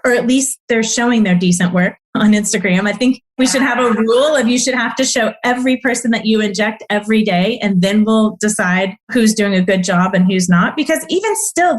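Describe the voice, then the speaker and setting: A woman physician as a podcast guest, telling her stories in an animated, emphatic way. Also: fairly high pitch. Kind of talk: casual interview conversation.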